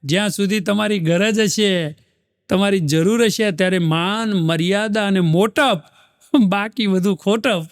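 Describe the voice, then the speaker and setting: Animated man telling folksy jokes. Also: high-pitched, unhurried, dry recording. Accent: Gujarati. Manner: folksy, animated, voices different characters. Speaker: stand-up comedian. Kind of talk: Gujarati stand-up joke telling.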